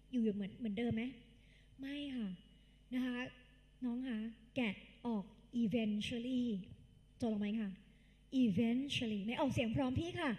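A woman's voice: sits high, a little mellow. A woman tutor giving a live exam-prep English lecture, quizzing the class in call-and-response and calling the students kids. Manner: calls the students kids and dear. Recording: long hall reverb.

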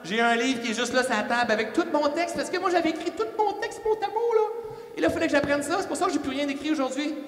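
A fast-talking, animated man with a Québécois accent, telling a self-mocking story as a motivational speaker in a large church hall. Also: extremely high pitch. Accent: Québécois French. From Quebec. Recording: echoey reverberant church hall.

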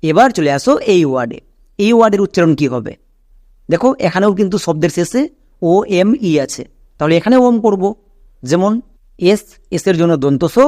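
A man's voice: a little high, darkish tone, no echo, studio quality. A man with a Bangladeshi Bengali accent teaching English reading, explaining phonics rules step by step and checking that students follow. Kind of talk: recorded phonics lesson.

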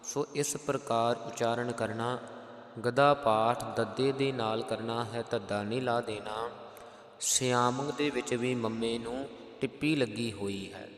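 A man with a Punjabi accent teaching scripture pronunciation, chanting verses slowly and then explaining each letter. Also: mid-range voice, steady tone, echoey room, long reverb tail. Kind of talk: Gurbani pronunciation lesson with sung recitation.

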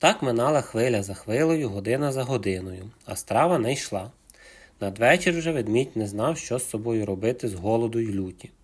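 A man narrating a folk fairy tale for children in an expressive storytelling manner. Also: mid-range voice, brisk.

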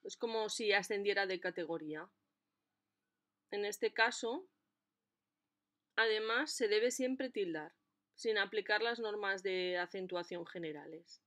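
A woman explaining a lesson in a clear, deliberate way, stressing the syllables of her examples. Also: medium pitch, fairly bright tone. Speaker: language teacher.

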